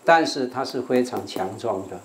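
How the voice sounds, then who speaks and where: A man's voice: mid-range voice, expressive, normal speed, slight background noise. An older man, a monk from Taiwan with a Taiwanese Mandarin accent, teaching an English vocabulary class and repeating words for students. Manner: repeats words to drill pronunciation, coaxing the class.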